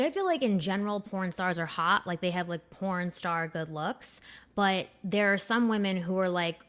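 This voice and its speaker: A young woman hosts her podcast in loose, candid chat, swearing freely and wandering off on tangents. Her voice sits a little low and sounds smooth and clear. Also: fairly bright tone. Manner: candid, crude and rambling, with many fillers. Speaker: podcast host. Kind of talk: casual chat.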